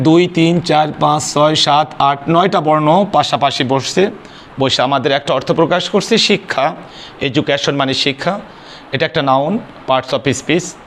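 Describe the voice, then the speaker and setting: A man's voice: on the high side, fairly bright tone. A man gives an English grammar lesson in a somewhat raised voice, asking questions and answering them himself. He spells words out letter by letter and slips English phrases into his explanations. A faint noise sits under the recording. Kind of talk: spoken classroom lesson.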